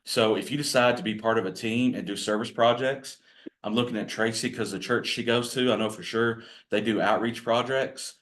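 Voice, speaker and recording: This man's voice is mid-range and growly yet fairly bright, with fairly even intonation and normal speed. He delivers a folksy, self-deprecating, rambling training talk to a group of real estate agents in a casual workshop setting.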